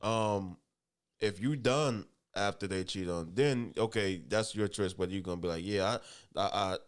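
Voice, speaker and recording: A man's voice: on the low side, moderate pace, clean tone. A man in his late twenties co-hosting a podcast, chatting casually in a laid-back, reflective way. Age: 20s. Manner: laid-back, reflective, many "yeah"s and "you know"s. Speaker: podcast co-host. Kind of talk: casual chat.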